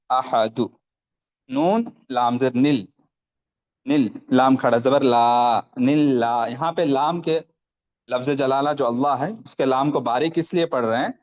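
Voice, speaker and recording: Over a lo-fi connection, a medium-pitched man teaches Quran reading online. He drills letters and vowel marks slowly, syllable by syllable, slipping in short explanations of the rules.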